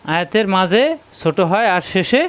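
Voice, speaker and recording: A man giving a question-and-answer lesson as a Quran teacher, with a Bangladeshi Bengali accent, speaking slowly and repeating each key term for the listener to memorize. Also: high-pitched, fairly bright tone. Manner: slow, drilling, repeats key terms.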